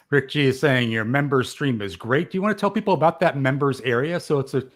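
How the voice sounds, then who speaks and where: A man's voice: medium pitch, brisk. A man hosting a live stream show, upbeat and encouraging, reading out viewer comments. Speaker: host. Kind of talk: live show host chat.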